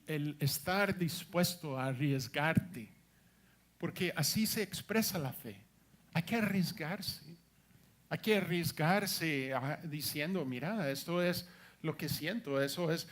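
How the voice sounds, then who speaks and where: High-voiced man preaching a testimony sermon. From United States. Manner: storytelling, acts out quoted dialogue, emphatic repetitions.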